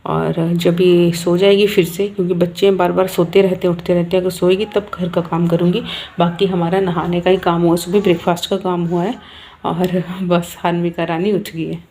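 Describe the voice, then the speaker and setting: A young woman vlogging casually about her day with her children, sounding tired and sleepy, keeping her voice soft so the baby stays asleep. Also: fairly low pitch, little pitch movement, moderate pace. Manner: chatty, talking softly to avoid waking a baby. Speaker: vlogger, mother. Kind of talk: casual family vlog talk. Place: outdoors on a home rooftop.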